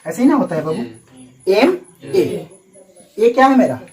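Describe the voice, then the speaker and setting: A male teacher at the front of a coaching classroom, working through a grammar lesson with his students in the room. He drills each point slowly, word by word, and keeps stopping to ask whether anyone is having trouble. He talks to his class with easy affection. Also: high-pitched, sing-song, a little mellow, slight background noise, rough recording. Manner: calls students "babu" affectionately.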